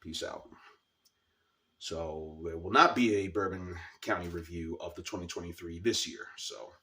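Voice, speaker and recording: A man's voice: low-pitched, moderate pace, sharp tone, recorded from a distance. A man with a scratchy, sore-sounding throat gives a casual, informal product review as a video host, repeating words for emphasis.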